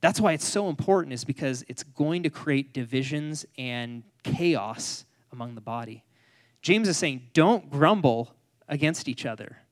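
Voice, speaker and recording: A man's voice: mid-range voice, unhurried. A man preaching a sermon on a Bible passage, talking casually and often putting questions to his congregation. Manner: conversational, asks the room questions. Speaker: pastor.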